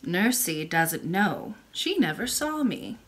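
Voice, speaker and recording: A woman voicing a kind, mysterious, very old grandmother, speaking softly, low and slowly. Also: sing-song, heavily acted. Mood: gentle. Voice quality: soft and low, slow.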